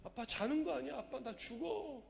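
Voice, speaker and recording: A man's voice: very high voice, normal speed, vocal fry, voice pushed up, exaggerated voice. A man voicing a terrified young child crying out to his father for help, in desperate pleading. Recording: long church reverb.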